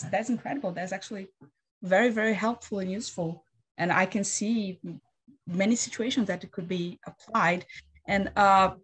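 A woman in her thirties interviewing over a video call on a headset, reacting warmly and asking questions with some hesitation. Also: mid-range voice, a little hiss or hum.

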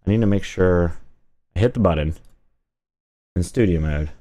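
A man streaming from home in casual chat, jokey and animated, talking to his viewers and his pets. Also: deep voice, moderate pace. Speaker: streamer and voice actor. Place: at home, indoors.

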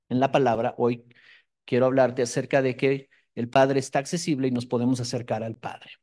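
Man preaching an emphatic sermon, high voice. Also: a little mellow. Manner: emphatic, repeats phrases for emphasis, shifts from fast asides to slow stressed words. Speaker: pastor.

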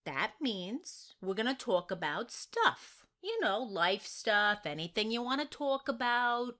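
A woman playing a friendly social worker who talks softly and gently to a child. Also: a little high, very animated, slow, full character voice. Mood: gentle. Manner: gentle, soft, speaking to a child.

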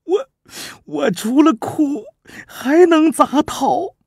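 A man's voice: animated, slow pace, creaky, breathy edge, dry recording, studio quality, exaggerated voice. Man doing a stammering timid young prince. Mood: nervous. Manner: stammering, hesitant, higher and quiet.

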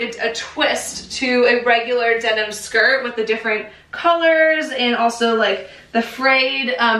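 Upbeat young female vlogger, fairly high voice, casual filler-heavy chat, echoey empty room. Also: pushed and bright. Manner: chatty, lots of "like" and "um". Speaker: fashion vlogger. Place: half-empty room under renovation. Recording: echoey bare room, voice far from mic.

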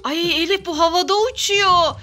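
A woman in her thirties hosts a playful family vlog as a mother, talking in an excitable, mock-frightened, teasing way. Her voice is extremely high and her pace moderate.

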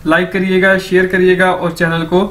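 A man's voice: high-pitched, little pitch movement, moderate pace, fairly bright tone. A man teaching a beginner language lesson, patiently explaining pronunciation and repeating each word several times.

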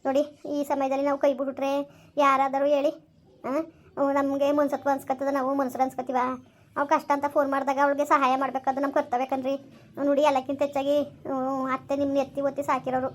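; a woman plays a soothing, persuasive sister-in-law, high and flat. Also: fast talker, long pauses, natural voice. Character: kind, reasonable young sister-in-law and wife. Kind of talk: amateur village drama.

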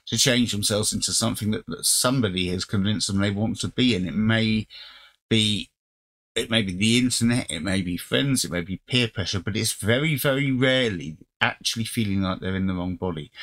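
Male host, lowish voice, unscripted opinion monologue with frequent restarts. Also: normal speed, a bit bright.

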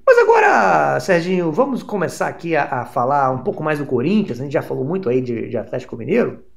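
A man hosting a comic sports chat, correcting his co-host in a deadpan, mock-formal way. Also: on the high side, brisk, vocal fry. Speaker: comedy show host.

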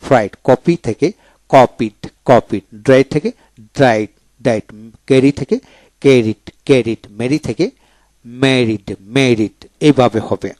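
A male teacher works through verb forms, saying each one twice in a steady drilling rhythm. His voice sits at an ordinary middle pitch. The sound is dry and close, with no room around it. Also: no echo. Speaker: English grammar teacher. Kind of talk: slow explanatory lesson.

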